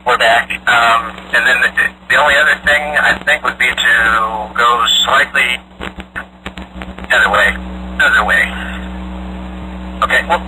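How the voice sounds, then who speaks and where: A man's voice: medium pitch, fairly even intonation, measured pace, pauses often, background noise. A man heard through a phone speaker, giving short, hesitant camera directions in casual chat. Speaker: remote helper adjusting a camera. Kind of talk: casual instructions over the phone.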